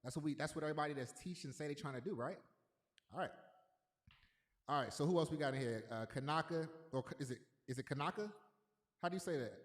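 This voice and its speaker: Casual livestream host with echoey reverb. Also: male voice, on the high side, fast, pauses often. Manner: loose and repetitive, greeting chat viewers by name.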